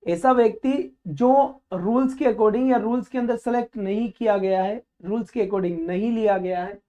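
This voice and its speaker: A man teaches a live online vocabulary class, drilling his students by asking a question and answering it himself, and calling them "beta" in a friendly, instructive way. His voice sits high and warm at normal speed, with lo-fi sound.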